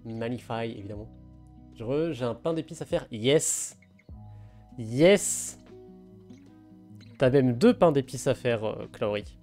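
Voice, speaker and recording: A man talks loosely and playfully to his stream chat as he works on a drawing. His pitch sits mid-range, and faint music plays behind him. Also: animated, slow pace, long pauses, mellow. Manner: chatty, reads and answers chat, teasing. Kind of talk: casual live-stream chat while drawing.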